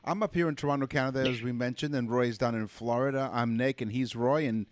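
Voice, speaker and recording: A man's voice: medium pitch, steady tone, quick pace, background noise. A man co-hosting a comedic trivia podcast, reading facts and trading puns in playful banter. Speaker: podcast co-host.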